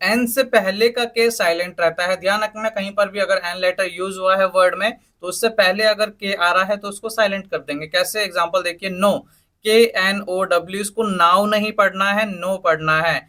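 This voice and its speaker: A man's voice: high voice, sharp tone. A man teaching English spelling in a lesson, spelling words out letter by letter and asking his students questions he answers himself. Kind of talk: spoken English lesson in Hindi.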